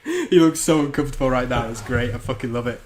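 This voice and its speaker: A man's voice: mid-range voice, fast, echoey room. A man hosting a livestream, bantering crudely and laughing while drinking. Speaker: livestream host. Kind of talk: casual chat.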